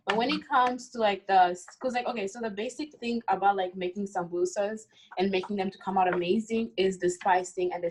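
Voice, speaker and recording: A woman's voice: mid-range voice, slight background noise, low-quality recording. A young adult woman from the Congo talks through a cooking demonstration in a casual, chatty way. Her speech is loose and friendly, full of "like" and "um" fillers as she explains each step. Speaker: cooking guest.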